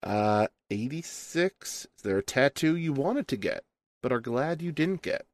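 Slow-spoken male interviewer, dry sound. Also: medium pitch, animated, no echo. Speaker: interview host. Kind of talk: reading numbered questions.

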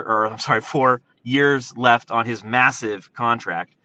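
An American man delivers casual live sports commentary from inside a parked truck. His medium-pitched voice is bright and forceful. He sounds animated and informal, hitting key words with emphasis like an enthusiastic podcast host. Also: muffled recording. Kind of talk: excited solo sports commentary, casual livestream.

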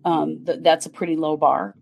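A woman's voice: low-pitched, fairly even intonation, normal speed, gravelly, muffled recording. A woman co-hosting a casual livestream chat, laughing often and reading viewer comments aloud. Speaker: true crime channel co-host.

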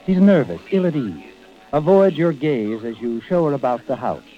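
An actor in a mid-range, animated voice at normal speed plays the ominous, knowing narrator of an old-time radio mystery, taunting and insinuating as he speaks to the listener. His voice stays close to everyday speech, the mood sinister, with faint music behind on a dull old radio recording.

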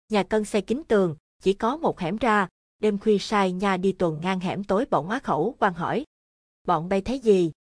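A woman giving a steady, scripted narration of a horror story. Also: medium pitch, no echo, studio quality.

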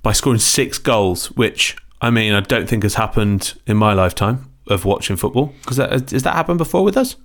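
A young man hosts a football podcast, chatting casually and turning now and then to speak to his listeners. His voice sits fairly low and his delivery is upbeat and talkative. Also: animated, normal speed, hardly any pauses, a bit bright. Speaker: podcast host. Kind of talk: casual chat.

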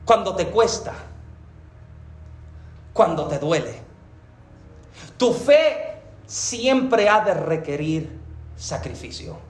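A man's voice: high-pitched, very animated, very slow, long pauses. A Puerto Rican man preaching a sermon as pastor, emphatic and passionate, calling his listeners beloved. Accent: Puerto Rican Spanish. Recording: echoey room with faint background music.

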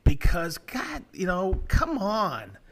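A middle-aged man co-hosting a casual podcast, animated and quick to laugh. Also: sits high. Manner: animated, laughs loudly and often, reads comments in mock voices. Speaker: podcast co-host. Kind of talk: casual chat.

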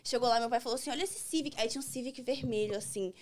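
A young woman with a Brazilian Portuguese accent tells a story in a high, bright-toned voice. She talks fast and with energy, slipping into the voices of the people in her story. The conversation is a relaxed podcast chat. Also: noisy background. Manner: animated storyteller, acts out other people's lines. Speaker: podcast guest. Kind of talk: casual chat, telling an anecdote.

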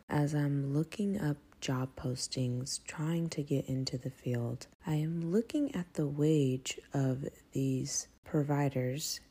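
Her voice is low, dark and a bit rough. In a reflective monologue, this woman in her thirties, a podcast host whose native language is Portuguese, opens up emotionally about her life, candid and now and then poking fun at herself.

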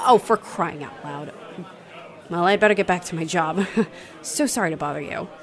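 A woman's voice: on the low side, a little slow, a crowd in the background, lightly acted. A young woman voicing a bubbly female bartender who is a starstruck fight fan, gushing, apologizing and laughing nervously. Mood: earnest, giddy. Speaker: roleplay voice performer. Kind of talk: audio roleplay acting.

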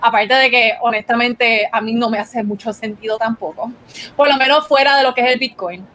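A woman's voice: on the high side, normal speed, a bit bright. A Puerto Rican woman giving a casual explainer as host of a gaming segment, mixing English words into her Spanish in Spanglish.

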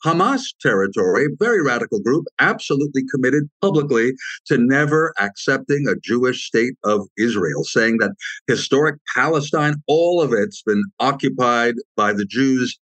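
Male expert guest, mid-pitched, measured and explanatory, dry close mic. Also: expressive, fairly bright tone, dry recording, rough recording. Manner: measured, explanatory, with frequent asides. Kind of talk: explanatory interview answer.

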